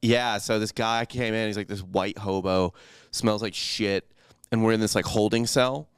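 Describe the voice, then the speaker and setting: A man on a podcast telling a rambling, crude story in a deadpan way during a casual chat. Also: lowish voice, moderate pace, clean tone, no echo, clean studio sound.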